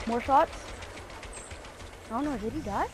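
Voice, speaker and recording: A woman's voice: high voice, a little slow, noisy background. A woman streaming a shooting game, nervously talking herself through each move. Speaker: gamer streaming a match. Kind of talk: live gameplay commentary. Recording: loud gunfire behind voice. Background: game gunshots.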